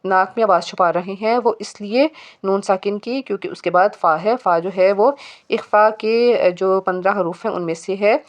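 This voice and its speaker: A woman teaching Quran recitation rules, spelling out letters and vowel marks and then reciting each phrase slowly and drawn out. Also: mid-range voice. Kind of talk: step-by-step recitation lesson.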